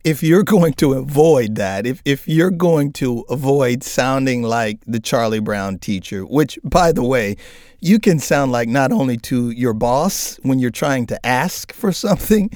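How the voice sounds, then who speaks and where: A man co-hosting a career advice podcast, telling stories in an animated way and acting out exasperated listeners. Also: medium pitch, no echo, studio quality. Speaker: co-host.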